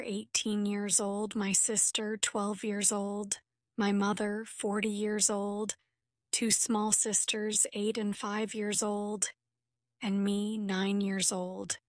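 Woman narrator, very slow pace, dry close recording, clear careful reading. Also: mid-range voice, no echo. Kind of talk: graded-reader story narration.

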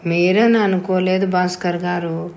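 Narrator doing a bold, quick-tempered young woman in a storybook reading, echoey room. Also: lowish voice, fairly even intonation, gravelly, darkish tone, a little hiss or hum. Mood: apologetic. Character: headstrong, moody young woman, childish.

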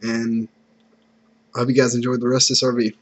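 With a completely flat, slightly fast delivery, this mid-range-voiced gaming YouTuber in his thirties chats casually and repeats himself while a bit sick. A little hiss or hum comes through his desktop USB mic in the indoor bedroom gaming setup.

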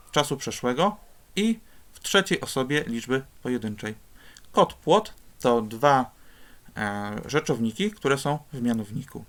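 A male teacher walks students through a lesson at an even, medium pitch. He explains patiently and step by step, pausing with small hesitations as he points to examples. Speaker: Polish teacher.

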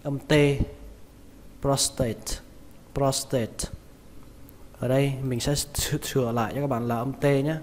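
A man with a Vietnamese accent teaching English pronunciation, repeating each word slowly and stressing its syllables. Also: mid-range voice, fairly even intonation, darkish tone. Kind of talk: pronunciation lesson. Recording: reverberant room with faint noise.

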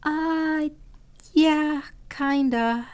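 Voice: sits high, steady tone, drawn-out words, voice pushed up. Someone using a voice changer as a shy teen. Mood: hesitant. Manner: hesitant, stammering. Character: shy, hesitant fifteen-year-old teen decoy. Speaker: host posing as a teen.

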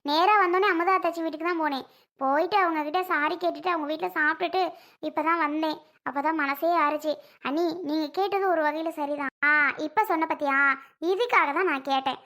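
Woman playing a soft apologetic young wife. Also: extremely high pitch, fairly even intonation, brisk. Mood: conciliatory.

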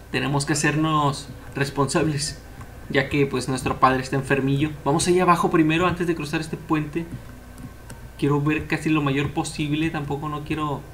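A young man giving casual, excitable let's-play commentary as he plays, cheering on the characters. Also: a little high, a little hiss or hum. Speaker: gameplay commentator.

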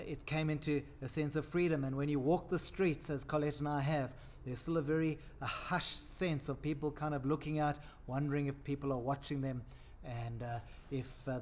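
A man in his forties, a pastor, speaking upbeat to camera, gesturing with his hands and pausing with frequent uhs. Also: on the high side. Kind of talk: church prayer segment to camera. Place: indoor room before a world map.

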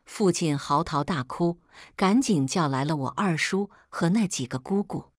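A woman calmly narrating a family story in the first person, as a read-aloud storyteller. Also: deep voice, a little slow, dry recording, studio quality.

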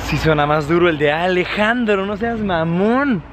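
A young Mexican man hosting a casual car vlog, excitable and swearing often with playful slang. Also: high-pitched, moderate pace, noisy background. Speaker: vlogger host.

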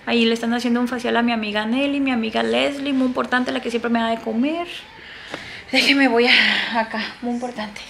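A woman's voice: fairly high pitch, steady tone, a little fast, vocal fry, a bit bright, a little hiss or hum. A woman chatting casually to her viewers in a vlog, talkative and full of exclamations. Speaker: vlogger. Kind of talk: casual vlog chat to camera.

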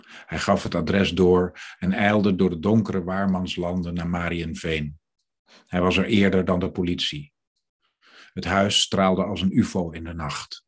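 A man reading aloud from his novel in a measured, steady way. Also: low voice, slightly rough. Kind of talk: literary reading.

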